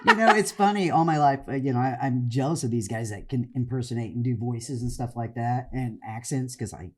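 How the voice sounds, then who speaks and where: A woman's voice: a bass voice, fairly quick, darkish tone. A woman co-hosting a podcast, chatting casually and telling rambling stories with frequent laughs. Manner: rambling storyteller, laughs often. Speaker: podcast co-host, comedian. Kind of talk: casual chat.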